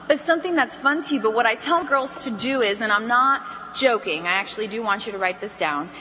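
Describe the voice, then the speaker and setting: An animated woman leads a sales training session for a live audience. She jumps into acted-out phone calls with big, lively voices. Her tone is bright and sits a touch high, with long reverb from a big hall and faint background noise.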